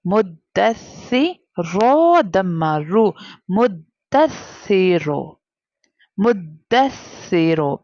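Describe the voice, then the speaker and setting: A woman teaching Quran reading in a recorded lesson, drawing out each syllable slowly and then explaining quickly in mixed Hindi and English. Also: on the low side, creaky, no echo, lo-fi sound. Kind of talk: recorded lesson, spelling out letters.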